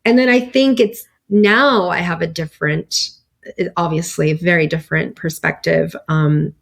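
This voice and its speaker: A woman's voice: on the low side, steady tone, moderate pace, gravelly. A woman guest on an interview, talking casually about her clothing brand in a rambling way, with lots of fillers and laughs.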